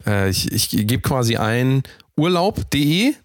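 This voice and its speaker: A man's voice: mid-range voice, big pitch swings, measured pace, no room sound, clean studio sound. A man co-hosting a podcast in joking, casual chat, with playful mock-announcer flourishes. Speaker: podcast co-host.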